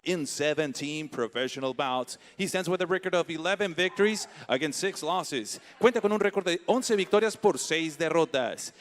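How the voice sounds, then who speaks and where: A man working as a ring announcer, giving formal bilingual fight introductions and drawing the fighters' names out into long booming calls. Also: normal speed, hardly any pauses.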